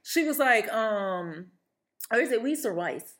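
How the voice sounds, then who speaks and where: A woman with a fairly high voice co-hosts a relaxed film podcast. She chats casually and retells movie scenes at length, with plenty of fillers. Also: a little slow. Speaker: podcast co-host.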